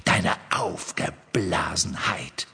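A cold, scornful phantom boy speaking in a dark lord's voice in an audiobook, as a man narrating puts him on. The voice sinks low and slow into a contemptuous near-whisper. It sounds gravelly and close. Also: big-room sound, full character voice.

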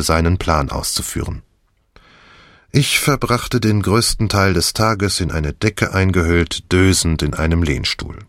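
A man narrating an audiobook in the first person with a calm, measured reading. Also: deep voice, no room sound, clean studio sound.

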